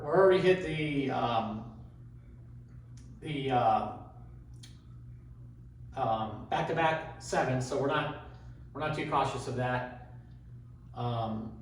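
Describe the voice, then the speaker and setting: A man giving a casual, unscripted demonstration as host, talking in a halting way as he thinks aloud. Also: fairly high pitch. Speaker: craps tutorial host. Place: echoey indoor room. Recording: echoey room, distant mic, faint noise.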